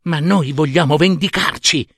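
A man's voice: fairly high pitch, moderate pace, fairly bright tone, breathy edge, no echo, studio quality. A man voicing small, stubborn stork chicks in a storybook reading, whiny and pleading.

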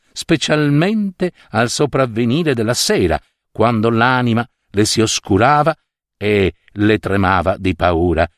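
A man reading a literary short story aloud in an expressive, theatrical way. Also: medium pitch, no room sound, studio quality. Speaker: narrator.

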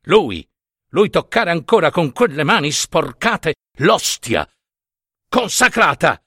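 A man voicing an old peasant father, seething with restrained fury that breaks into shouts, in a dramatized story reading. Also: on the low side, sing-song, slow pace, slightly rough, no echo, clean studio sound, exaggerated voice. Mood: indignant.

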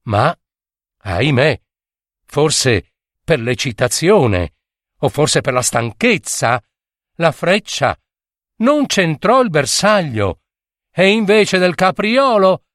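A man narrates an old myth with theatrical flair, his voice swooping through a very animated pitch range. He takes his time, slow and deliberate, with sudden high cries and comic asides. The sound is dry and close. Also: dry recording. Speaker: storyteller. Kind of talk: dramatic storytelling of a myth.

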